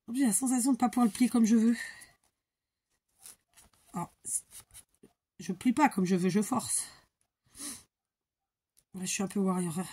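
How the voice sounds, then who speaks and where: A woman's voice: medium pitch, dark tone, husky. A woman hosting a crafting tutorial, chatting casually and thinking aloud, muttering to herself as she works.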